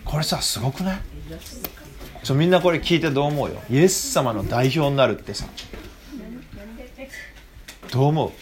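Youth teacher, a man with an animated, swinging voice, chatty and full of questions to the group. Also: mid-range voice, moderate pace, long pauses. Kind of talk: interactive Bible talk to young listeners.

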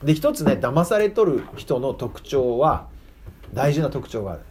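A man's voice: mid-range voice, sing-song, moderate pace, darkish tone, slight background noise. A man giving a casual sermon to children, chatting and asking them questions. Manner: chatty, asks the audience questions. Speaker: preacher teaching children.

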